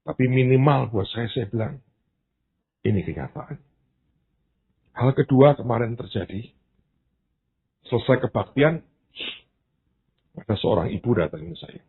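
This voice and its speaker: A man's voice: medium pitch, animated, unhurried, pauses often, slightly rough. A man preaching a sermon, telling stories earnestly, with emphasis that rises as he speaks. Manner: earnest storytelling, rising emphasis. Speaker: pastor. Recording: tinny phone-like band.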